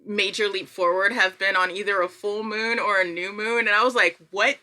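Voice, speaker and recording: A woman who is a writer and creator chats as a guest on a podcast in a bright, forward voice at ordinary pitch and normal speed. She tells anecdotes casually in an animated, self-deprecating way, often quoting what she was thinking aloud.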